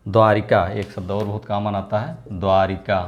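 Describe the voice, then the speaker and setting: A man's voice: lowish voice, level tone, muffled recording, slight background noise. Man drilling spelling in a lesson. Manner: drills words by repetition, asks quick rhetorical questions. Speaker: teacher. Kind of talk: exam-prep lesson.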